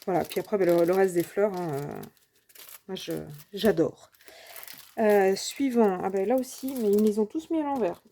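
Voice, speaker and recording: A woman with a mellow, warm voice talks through a casual unboxing of craft supplies. She is chatty and hesitant, often stopping mid-phrase to find the right word. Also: mid-range voice, slight background noise. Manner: chatty and hesitant, often pausing to search for words. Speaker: crafting channel host. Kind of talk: casual unboxing and product review.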